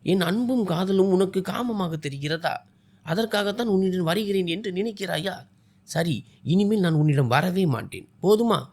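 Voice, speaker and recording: A man voicing a hot-tempered young husband who scolds and shouts in a storybook reading. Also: a little high, lively intonation, moderate pace. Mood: angry.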